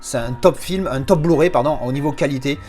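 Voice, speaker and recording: A man's voice: fairly high pitch, fairly quick, a little mellow, faint music behind. A man with a French accent giving a casual, rambling film and Blu-ray review, full of fillers and restarts and chatty asides to the viewer.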